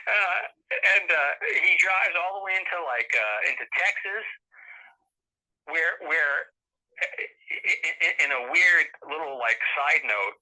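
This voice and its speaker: Middle-aged guy, guest on a chat show, super bright edgy voice, kinda high, keeps restarting and laughing as he tells it. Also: slow, rough recording. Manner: animated, chuckling, frequent restarts. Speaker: guest author. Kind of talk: casual storytelling interview.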